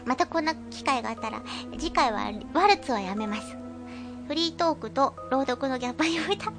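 A woman with a high, cute voice hosting an internet radio show, chatting casually and reading out listener comments with giggles and fillers. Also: expressive, fairly quick. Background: faint background music.

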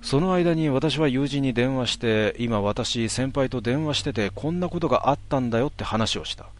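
Hushed man telling a ghost story. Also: medium pitch, expressive. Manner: hushed, drawn-out, dramatic pauses.

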